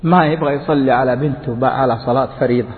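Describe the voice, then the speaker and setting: A man preaching a fervent sermon to a large crowd, his voice climbing to high, emphatic peaks. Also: quick pace. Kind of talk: impassioned sermon. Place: large lecture hall before a crowd. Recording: tinny phone-like sound with long hall reverb.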